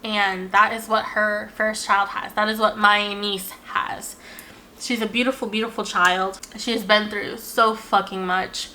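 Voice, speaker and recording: A young woman telling a personal story in a casual, animated way, swearing often and filling her talk with "like". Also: mid-range voice, a little slow, slight background noise.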